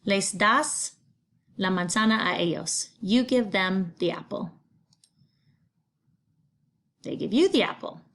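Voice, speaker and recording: A woman's voice: medium pitch, expressive, normal speed, gravelly, a bit bright. A middle-aged woman, patiently teaching a recorded Spanish lesson, explaining grammar step by step. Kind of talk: recorded remote class lesson.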